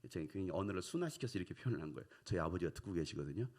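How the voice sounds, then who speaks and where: A man's voice: sits low, animated, rapid-fire, darkish tone, husky. A middle-aged male pastor preaching a sermon, telling a personal story and acting out the voices of his family.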